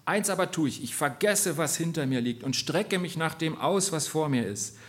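Male preacher, fairly high voice, earnest sermon delivery, direct questions to the congregation, emphatic peaks and quiet drops. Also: lively intonation, moderate pace.

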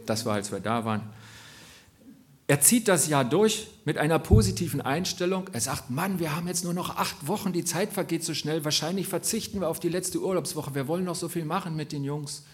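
A man delivering a sermon in a somewhat high voice, earnest and searching as he puts pointed questions to his congregation. He rises into emphatic, pressing lines and then falls back to low, quiet asides. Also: lively intonation, moderate pace. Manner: earnest, appealing directly to listeners with questions. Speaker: preacher.

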